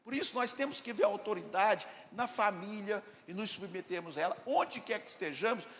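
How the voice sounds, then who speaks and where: Speaking a little fast, a Brazilian pastor delivers an emphatic sermon in a high, fairly bright voice with lively intonation, asking the congregation questions and acting out dialogues. His Brazilian Portuguese echoes through a church hall, with faint ambience and slight background noise.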